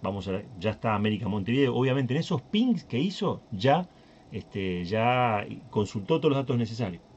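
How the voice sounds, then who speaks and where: A man's voice: mid-range voice, very animated, normal speed, darkish tone, lo-fi sound, a little hiss or hum. A Uruguayan man hosting a tech channel, talking casually through a screen recording and thinking aloud with many fillers and restarts. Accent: Uruguayan Spanish.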